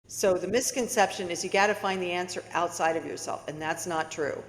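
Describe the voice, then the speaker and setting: A woman's voice: lowish voice, fairly quick, big-room sound, a little hiss or hum. A woman who is a guest author on a podcast, talking in an earnest coaching way and often addressing listeners directly. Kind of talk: casual interview talk.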